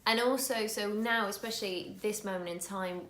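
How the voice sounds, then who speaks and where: A woman's voice: medium pitch, steady tone, normal speed, fairly bright tone, roomy sound, slight background noise. A woman from the Netherlands, a native Dutch speaker in her thirties, co-hosting a casual vlog in an earnest way, often restarting words. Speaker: vlog co-host, actor.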